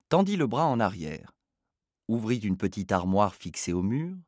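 Expressive male storyteller, lively pitch. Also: no room sound, studio quality. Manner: expressive, theatrical reading. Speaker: narrator. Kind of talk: scripted story narration.

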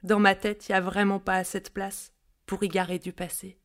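A woman's voice: a little high, slow pace. A woman voicing a stubborn, dreamy country girl who repeats her wandering refrain in a singsong way. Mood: defiant.

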